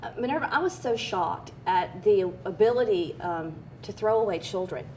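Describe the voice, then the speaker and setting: A woman's voice: expressive, normal speed, darkish tone, poor audio. A middle-aged woman speaking as an interview guest, telling personal stories in an earnest, candid, conversational way. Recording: clear background noise with low rumble.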